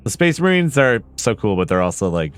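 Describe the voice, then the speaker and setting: A man reacts to and comments on a video game in a lowish voice with big pitch swings, talking a little fast. His rambling, sweary, informal style sounds like an enthusiastic fan, with game music and artillery fire behind him.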